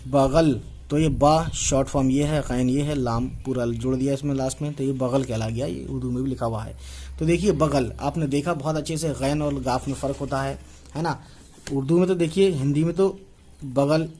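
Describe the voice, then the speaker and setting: A man's voice: fairly high pitch, a little mellow. A man in his twenties teaching a writing lesson, patiently repeating and spelling out letters one by one. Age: 20s. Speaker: Urdu teacher.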